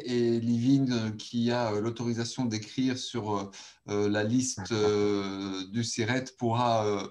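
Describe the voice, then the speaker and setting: Man moderating, mid-pitched and hesitant. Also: darkish tone. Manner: hesitant, pausing, rephrasing as he goes. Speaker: meeting host and moderator. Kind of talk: informal moderation of an online meeting. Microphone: video call.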